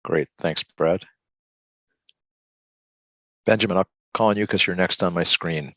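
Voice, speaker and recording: A man hosting a group video call, relaxed and halting, with many fillers. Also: deep voice, dry recording. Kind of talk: casual group check-in.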